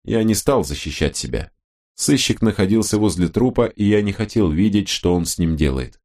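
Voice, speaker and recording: A man giving a first-person audiobook narration in a measured, even reading style. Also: on the low side.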